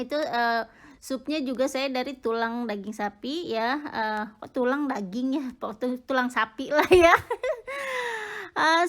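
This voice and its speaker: Giggly middle-aged woman cooking vlogger. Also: high-pitched. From Indonesia. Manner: chatty, giggly, many fillers. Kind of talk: casual cooking vlog chat. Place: home kitchen.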